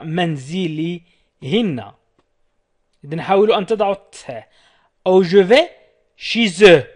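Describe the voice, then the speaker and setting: A man teaching French to beginners, slowly repeating words with careful, deliberate pronunciation. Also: a little high. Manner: slow, deliberate pronunciation drills. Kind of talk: slow language lesson with repetition.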